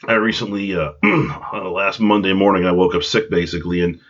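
Congested from a cold, a podcast host from Long Island, New York, rambles through a self-deprecating story and keeps going off on tangents. His voice sits low, sounds a bit bright, and moves briskly on a dull lo-fi home recording.

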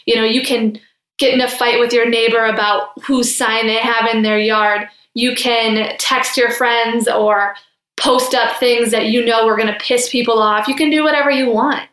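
A woman's voice: fairly high pitch, steady tone, moderate pace, a bit bright, reverberant. A young adult woman hosting a spiritual podcast, talking in an earnest, chatty way with fillers. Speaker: podcast host.

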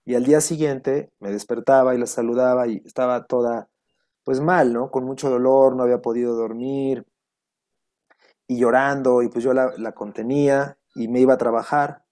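Guy telling a heartfelt story, mellow warm voice, reflective. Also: mid-range voice. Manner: heartfelt, reflective, quoting past conversations. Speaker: guest. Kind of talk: personal storytelling.

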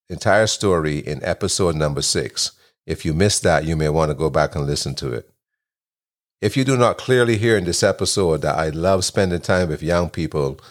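A man with an extremely deep voice hosts a podcast from his home kitchen. He speaks in a measured, earnest way, reading scripted narration between questions. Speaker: podcast host.

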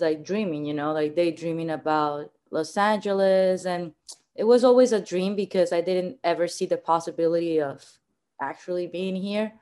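A woman from Venezuela speaks as a podcast guest in a fairly low voice. She answers in a chatty, loose way, with frequent laughs and fillers. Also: a little mellow, clean tone. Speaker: guest, marketing manager. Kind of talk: casual interview answers.

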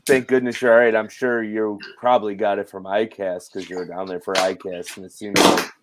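A hoarse, raspy man whose voice goes in and out, hosting a casual live fishing show. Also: lowish voice, little pitch movement, brisk, heavy background noise. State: hoarse, voice cutting in and out from losing it. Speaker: podcast host.

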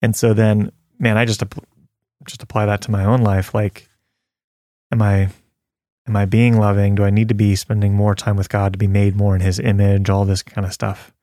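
A man's voice: on the low side, little pitch movement, normal speed, mellow, no room sound, clean studio sound. A man co-hosting a casual faith talk, reading scripture aloud and chatting earnestly with many fillers and easy laughs. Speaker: podcast co-host sharing a devotional.

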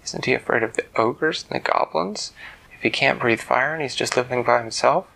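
A man voicing a bold, excited girl in a very high, bright voice. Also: normal speed, vocal fry, low-quality recording. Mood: curious.

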